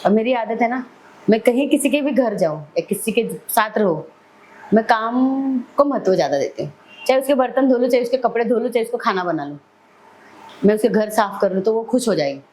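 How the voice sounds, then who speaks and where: A woman's voice: fairly high pitch, expressive, fairly quick, a little mellow, a little hiss or hum, low-quality recording. A middle-aged woman, a podcast guest telling her life story vividly. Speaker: celebrity hair stylist, podcast guest. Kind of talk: personal storytelling in an interview.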